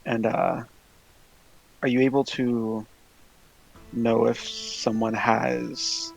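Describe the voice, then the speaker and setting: Slow, gravelly-voiced male player. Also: medium pitch, level tone, faint music behind, rough recording. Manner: hesitant, halting, many fillers. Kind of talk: in-character tabletop role-play.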